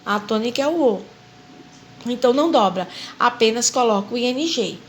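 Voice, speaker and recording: A woman with a high voice teaches a recorded English lesson in Portuguese. She goes through each rule patiently, spelling letters out and repeating herself. Faint background noise sits under her voice. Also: lively intonation, moderate pace. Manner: patient, spells out rules step by step and repeats them.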